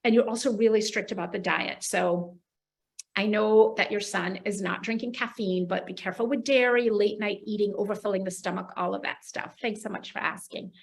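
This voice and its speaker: A woman gastroenterologist answering viewer questions on a live video stream, explaining medical terms in an animated, friendly way. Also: mid-range voice, fairly quick, vocal fry. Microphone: video call.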